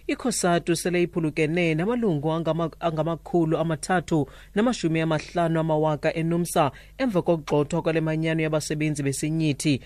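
A man's voice: a little high, darkish tone, no echo. A South African man reading a scripted radio news bulletin. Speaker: news reader. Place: dry studio.

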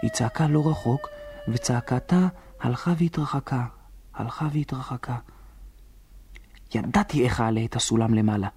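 A man's voice: mid-range voice, darkish tone, a little hiss or hum, lightly acted. An actor narrating in the first person as a resourceful boy hiding alone in ruins, in a reflective radio drama monologue that plans step by step. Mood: brooding, planning. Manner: reflective inner monologue, planning aloud.

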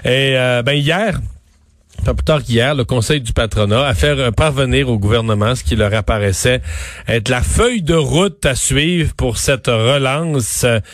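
A male radio host with a Québécois French accent questions his guest in a loose, conversational way. He hesitates often and leans on fillers. His voice sits mid-pitch, recorded dry and close in the studio. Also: measured pace, no room sound. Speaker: radio talk show host. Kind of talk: live radio interview.

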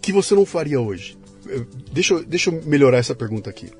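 A man's voice: on the high side, quick pace, soft background music. A man with a Brazilian accent hosting a podcast interview, telling stories and acting out the quotes. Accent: Brazilian Portuguese. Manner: animated storyteller, acts out quotes. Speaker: podcast host. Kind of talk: conversational interview.

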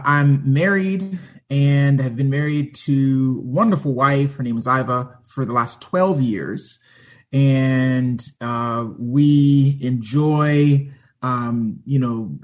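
A man's voice: mid-range voice, fairly even intonation, slow. A man from Canada chatting as a podcast guest, friendly and chuckling, with lots of ums and uhs. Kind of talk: casual chat.

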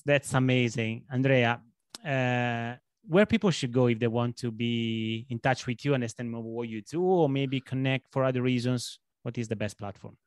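A man's voice: medium pitch, normal speed, clean tone, no echo, clean studio sound. Man hosting a podcast. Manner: effusive, agreeable. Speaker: podcast host. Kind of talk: conversational interview hosting.

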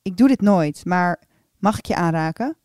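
A woman's voice: fairly low pitch, expressive, normal speed, a little mellow, dry recording, clean studio sound, lightly acted. Woman voicing a flirtatious male physio.

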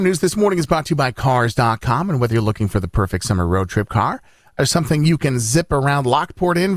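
A man's voice: mid-range voice, no room sound, clean studio sound. A man hosting morning radio, reading news in a conversational, bantering style.

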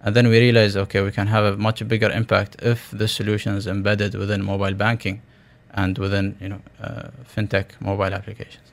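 A man with a low, gravelly voice speaks as a startup founder in a radio interview. His delivery is flat in pitch and full of tech-business jargon, with halting restarts as he pitches.

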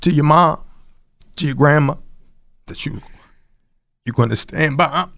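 A man's voice: on the high side, measured pace, gravelly. A man giving a heartfelt, emotional speech about his family, crying with joy as he speaks. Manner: earnest, builds from soft to impassioned. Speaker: husband speaking on a panel.

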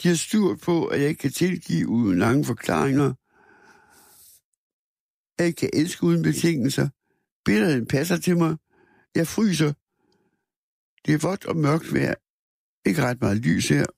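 A man reading a first-person literary story aloud in a measured, somber way, with a few small restarts. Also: on the high side, lively intonation, vocal fry, a little mellow, slightly rough, no room sound, clean studio sound. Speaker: narrator.

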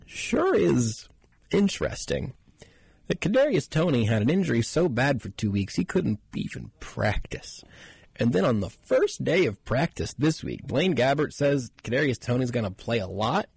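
A man's voice: medium pitch, very animated, moderate pace, gravelly, darkish tone, breathy edge, no room sound. A man co-hosting sports talk radio who lays out theories wryly and with mock intrigue.

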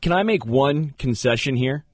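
A man hosting a radio show from a studio, telling stories in a casual, animated way. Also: medium pitch, moderate pace, dry recording. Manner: animated storytelling, puts on voices. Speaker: radio host. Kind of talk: casual sports radio chat. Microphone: studio mic.

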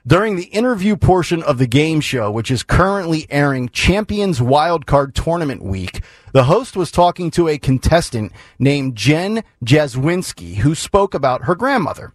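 A man's voice: a little high, big pitch swings, normal speed, few pauses, dry recording. Chatty man hosting morning talk radio. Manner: chatty, rambling, self-interrupting. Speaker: radio show host. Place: radio studio.

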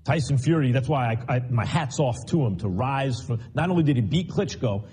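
Male interviewer, animated, very raspy, mellow tone. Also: medium pitch, fairly quick.

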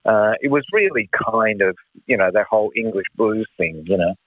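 Calling in as a guest, this Australian-accented musician in his sixties looks back on the past in a relaxed way, his voice coming through a narrow phone line. He speaks at normal speed in a lowish, expressive voice with no room sound.

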